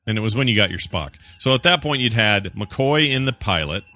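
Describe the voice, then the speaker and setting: A man co-hosting a casual talk show, joking and reading out trivia in quick banter. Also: lowish voice, lively intonation, pushed and bright, soft background music. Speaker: podcast co-host. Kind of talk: casual chat.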